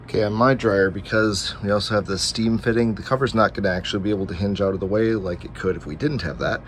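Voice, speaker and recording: A man with a lowish voice talks fast while explaining a home repair step by step for a casual DIY video. He's in a noisy basement furnace room, and the handheld camera's microphone records the background noise along with him.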